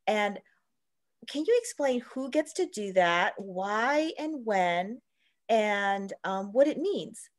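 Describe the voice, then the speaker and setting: A woman's voice: medium pitch, lively intonation, slow pace. A middle-aged woman hosting a friendly interview for children over a video call. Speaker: host. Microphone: video call microphone.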